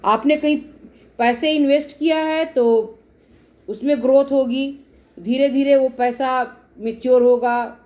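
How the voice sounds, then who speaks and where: Unhurried and a little mellow, this high-pitched woman keeps a steady tone as a tarot reader. Addressing her viewers directly, she walks through each card in a relaxed reading, going over the explanations at length and repetitively.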